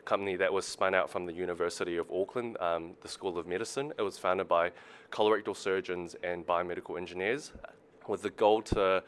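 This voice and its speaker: A man's voice: low-pitched, a bit bright, a little hiss or hum. A man from the company introducing guest speakers at an event, hesitant with many ums.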